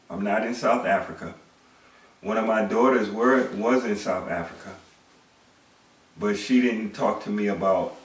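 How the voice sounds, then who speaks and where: A middle-aged male commentator gives an emphatic monologue lecture in a lowish voice, asking rhetorical questions and repeating words. He sounds far from the mic in an echoey room.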